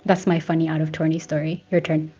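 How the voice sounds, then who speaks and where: A woman's voice: deep voice, little pitch movement, fast talker, dark tone, highs cut off, faint music behind. A young woman co-hosting a casual podcast, laughing often and switching between English and Indonesian. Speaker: podcast co-host. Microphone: webcam stream setup.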